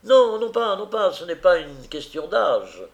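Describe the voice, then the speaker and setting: A man reading as an irritable agitated gentleman. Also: high-pitched, very animated, measured pace, vocal fry, pitched above the performer's own voice, exaggerated voice. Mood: exasperated. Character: irritable, agitated middle-aged gentleman host.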